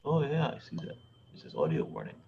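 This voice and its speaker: A man gives an academic seminar with plenty of halting fillers, and his pitch swings widely as he explains. His voice arrives over a video call at a low sample rate, so it sounds robotic, dull and lo-fi. A faint hiss of noise sits underneath. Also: creaky. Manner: halting, filler-heavy delivery with lively intonation. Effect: low sample rate, robotic-sounding online audio. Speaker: seminar presenter. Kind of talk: academic research talk. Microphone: computer mic on a video call.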